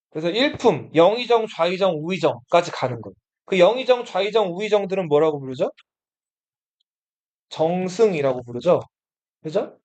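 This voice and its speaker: Male history teacher, high and animated. Lectures casually and bluntly, and quizzes the class before answering himself. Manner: asks the class questions and answers them himself.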